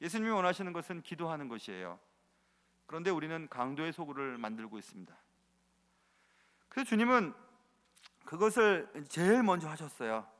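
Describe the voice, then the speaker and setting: A man's voice: on the high side, big pitch swings, fairly quick, pauses often, a bit bright. A man pastor preaching a sermon in a church sanctuary, talking emphatically and piling on repeated filler words. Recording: reverberant church hall.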